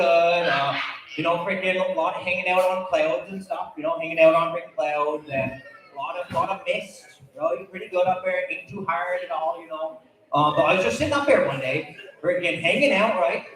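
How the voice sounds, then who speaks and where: A man acting out a folksy old backwoods hunter with a thick Vermont accent. He rambles and repeats himself in a mumbly, high-pitched voice. It is a comic stage sketch, captured in a very reverberant hall. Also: fairly bright tone. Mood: folksy, rambling. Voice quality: thickly mumbled, hard to understand. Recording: very echoey live hall.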